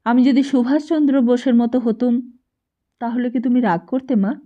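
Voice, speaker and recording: A woman's voice: a little high, fairly even intonation, moderate pace, mellow, lightly acted. Woman voicing an earnest young son. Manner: earnest, pleading questions. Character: earnest young man questioning his mother. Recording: dull lo-fi recording.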